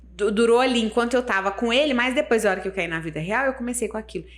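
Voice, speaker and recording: A woman in her thirties, a mother, chatting casually on a podcast in a confiding way, with soft asides. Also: a little high, racing. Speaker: podcast guest, mother of one. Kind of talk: casual chat.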